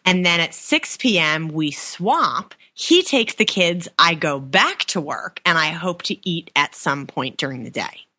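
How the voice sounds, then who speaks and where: A woman's voice: low-pitched, lively intonation, measured pace, hardly any pauses, bright, forceful tone. A woman in her thirties co-hosting a podcast, chatting casually in a wry, self-mocking way. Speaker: podcast co-host. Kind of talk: casual chat.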